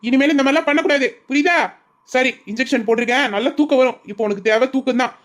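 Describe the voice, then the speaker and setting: A woman playing a brisk, high-voiced doctor. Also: close to an everyday voice. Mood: scolding. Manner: firm, instructing. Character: brisk female doctor, scolding but caring. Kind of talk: amateur audio drama.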